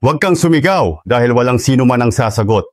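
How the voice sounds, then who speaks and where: A man dubbing a calm, powerful young leader who speaks in a measured, quietly threatening way in a drama. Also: mid-range voice, no echo, studio quality, natural voice. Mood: controlled. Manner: cool, measured, quietly menacing. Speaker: voice actor in a Filipino dub. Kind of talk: dubbed drama acting.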